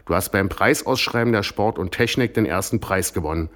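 A man voicing a brisk military officer with a clipped, ceremonious manner. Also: fairly low pitch, a bit bright, natural voice. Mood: formal.

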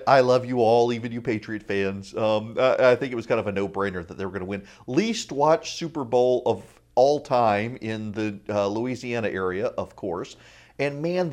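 A man hosts a talk radio show in a conversational, opinionated way, with a middle-pitched voice. He drops in dry, informal asides. The sound is echoey, picked up by a lav mic in a room with bare acoustics. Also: darkish tone. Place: indoor room at a college without sound paneling. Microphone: lavalier.

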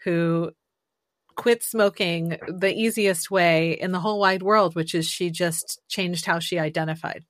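A woman hosting a podcast, asking curious questions in a relaxed, chatty way. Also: lowish voice, measured pace, no room sound, studio quality. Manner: curious, relaxed, uses fillers. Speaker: podcast host. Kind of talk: conversational podcast interview.

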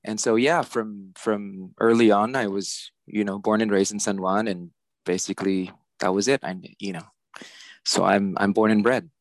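A man's voice: lowish voice, fairly even intonation, moderate pace, dry recording. A middle-aged man from the Philippines, a guest artist, explaining things in a chatty way with many fillers. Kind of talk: casual interview.

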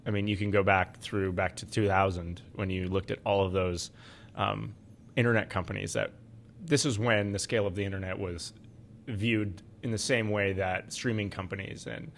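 A man's voice: fairly low pitch, fairly even intonation, normal speed, vocal fry, fairly bright tone, slight background noise. A man co-hosting a podcast, talking casually about finance as an investment adviser.

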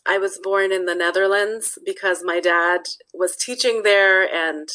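A woman's voice: mid-range voice, fairly even intonation, a little slow, pushed and bright, low-quality recording. A woman from Nepal, a guest author talking through her thoughts in a casual interview, often restarting phrases and adding "you know.".

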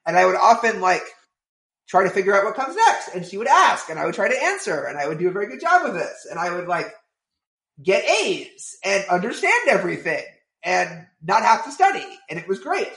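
A man telling a long anecdote as a podcast guest, rambling and filling pauses with "like" and "right?". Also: sits high, creaky, reverberant. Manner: animated, rambling, many fillers like "right?". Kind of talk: casual storytelling.

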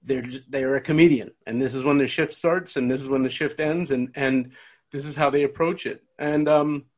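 A man's voice: medium pitch, fairly even intonation, moderate pace, darkish tone. A man with a Canadian accent hosting a casual podcast chat, rambling with many restarts and repeated words. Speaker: podcast host.

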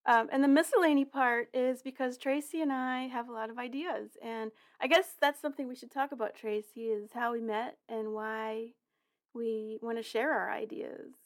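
A woman's voice: on the high side, steady tone, normal speed. A woman co-hosting a podcast in casual chat, explaining things in a friendly way. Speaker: podcast co-host.

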